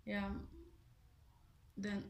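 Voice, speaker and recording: Hesitant young woman. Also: very slow. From Somalia. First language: Somali. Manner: hesitant, many fillers and restarts. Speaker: interviewee. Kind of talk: casual interview answers.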